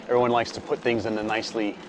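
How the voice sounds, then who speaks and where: A man who founded a bike company, answering interview questions outdoors while riding, relaxed and thoughtful. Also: fairly low pitch, racing, noisy background. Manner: relaxed, thoughtful, with fillers and restarts.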